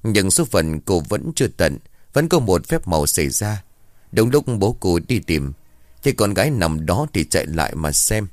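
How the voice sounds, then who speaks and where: A man narrating a rural ghost story in a steady, even storytelling manner. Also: sits low, normal speed, dry recording, studio quality.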